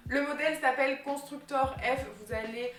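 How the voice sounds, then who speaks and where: Speaking at a moderate pace, this young woman has a high voice and fairly even intonation. She's a vlogger excitedly talking through gift ideas in a casual, filler-heavy chat. Faint music sits under an echoey room sound.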